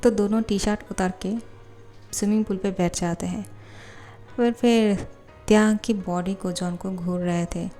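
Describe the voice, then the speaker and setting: A woman narrating a fan fiction story in a plain, steady retelling voiceover. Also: medium pitch, moderate pace, soft background music.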